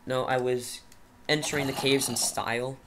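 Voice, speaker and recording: The noisy clip catches a gaming channel host, a young man, commentating his Minecraft survival game. Nervous and shaky, he rambles jitterily to himself, yet his medium-pitched voice stays level and moves at a moderate pace.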